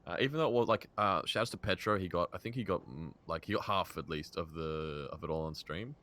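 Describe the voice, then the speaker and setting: A young man guesting on a casual gaming podcast, excited and slangy, restarting often. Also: low-pitched, brisk. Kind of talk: casual chat.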